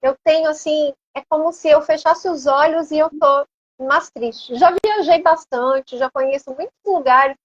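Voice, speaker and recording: Guest: Brazilian woman, high voice, chatty and hesitant, lo-fi call audio. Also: normal speed, no room sound. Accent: Brazilian Portuguese. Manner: rambling and animated, many hesitant fillers. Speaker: interview guest. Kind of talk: casual conversation.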